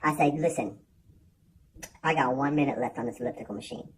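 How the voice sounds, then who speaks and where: A man's voice: fairly high pitch, brisk, breathy edge, low-quality recording. A man telling a comedic story in an exasperated, profane way, acting out the other people's lines himself. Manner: exasperated, profane, acts out quoted voices. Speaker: vlogger.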